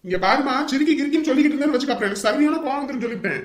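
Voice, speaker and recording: A defiant young son, played by a woman, who argues bluntly and keeps threatening to lose his temper. The voice sits fairly high and races along. It is recorded in an echoey room. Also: lively intonation, rapid-fire. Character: defiant young man, newly married son. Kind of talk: comedy skit acting. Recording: roomy echo.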